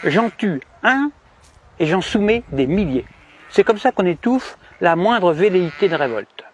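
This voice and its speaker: A man from DR Congo playing a smug, cunning shepherd in a mock-cheerful satirical monologue with sly, emphatic pitch swings. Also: big pitch swings, unhurried, breathy edge, full character voice. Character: cunning, smug male shepherd boasting of control.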